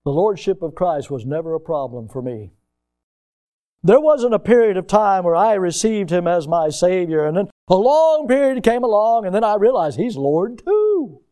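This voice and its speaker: Male preacher, high voice, emphatic delivery in a sermon. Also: very animated, moderate pace. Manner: emphatic, rising to loud peaks.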